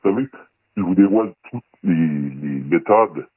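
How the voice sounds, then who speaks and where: An anonymous man speaks through a voice-disguising filter that pushes his voice extremely low. He has a Québécois French accent and a breathy, husky tone, and the sound is dry and thin, like a phone line. He talks in a guarded way and hesitates often. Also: normal speed, no echo. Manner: guarded, hesitant, many fillers. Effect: voice electronically disguised, pitched very deep. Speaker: anonymous guest, former undercover federal police agent. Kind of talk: radio talk show interview.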